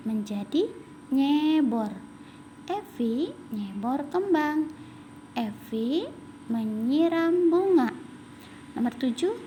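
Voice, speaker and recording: A woman with a Sundanese accent, a primary school teacher giving a recorded lesson to young pupils, sounding out example words slowly and carefully, then adding quick asides. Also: high-pitched, warm tone, slight background noise.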